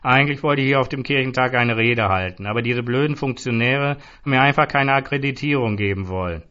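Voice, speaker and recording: A man's voice: mid-range voice, a little fast, fairly bright tone, dull audio, lightly acted. A man voicing a casual, weary Jesus figure sitting at a pub bar. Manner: casual, sighing, offhand.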